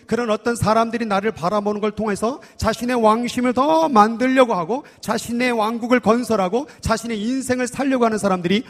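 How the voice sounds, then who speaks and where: A man in his thirties preaching a sermon as pastor, talking conversationally and teasing the congregation with questions. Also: high-pitched. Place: church sanctuary. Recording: long church hall reverb.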